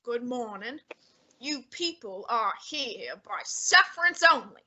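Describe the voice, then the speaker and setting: A teenage girl plays a pompous, haughty male detective who is fat and lazy, in a student radio play. Her voice is high and bright, and she delivers the lines slowly and in a clipped way. The performance is expressive and heavily acted.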